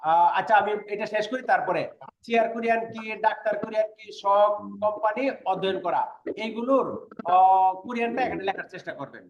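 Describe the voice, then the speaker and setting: A man teaching an online language class, patiently repeating words slowly for his students. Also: high-pitched. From Bangladesh. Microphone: online class call audio. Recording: echoey, muffled, noisy online class audio.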